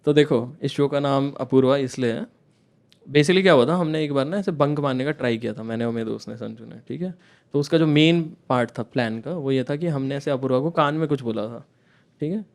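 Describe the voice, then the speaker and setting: A young man from India tells a stand-up story in a mid-range, slightly fast and somewhat mellow voice. Chatty, he keeps checking in with the crowd and acts out scenes, and the audience laughs in the background.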